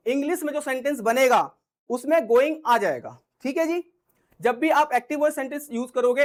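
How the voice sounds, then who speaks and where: Woman, fairly high voice, grammar teacher, step-by-step explanations, often checks her listeners are following. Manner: clears her throat now and then. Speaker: English teacher. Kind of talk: spoken grammar lesson.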